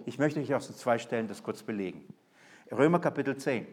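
A man preaching a sermon, emphatic, with loud and quiet swings and repetitive rhetorical buildup. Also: medium pitch, lively intonation, a little fast, slightly rough.

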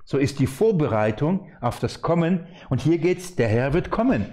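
Animated, mellow-voiced man preaching. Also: fairly high pitch, normal speed. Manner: emphatic, animated preaching with rhetorical questions. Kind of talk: sermon, Bible exposition.

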